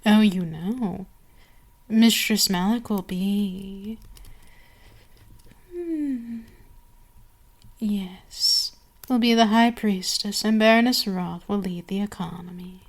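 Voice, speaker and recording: In an ASMR roleplay, a woman with a medium-pitched voice plays a cruel, seductive vampire queen, haughty and deliberate, with lingering pauses and breathy whispers. Her mood is smug and plotting.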